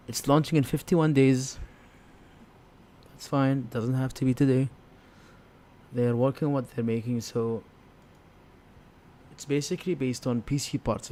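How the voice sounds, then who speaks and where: Background noise is clearly audible as a man with a warm, mid-range voice runs a relaxed live stream. He muses aloud, hesitant and unscripted.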